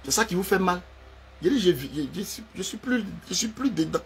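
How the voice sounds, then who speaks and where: A man's voice: high-pitched, animated, fairly quick, slight background noise. Man, ranting. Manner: heated, accusing, repeats himself for emphasis. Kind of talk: confrontational personal rant.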